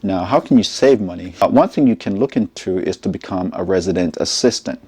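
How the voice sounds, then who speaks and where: A middle-aged man from Jamaica, a college educator giving a measured, explanatory advice talk and often checking in with his listeners. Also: sits low, a little mellow, breathy edge. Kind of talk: informational advice talk to camera.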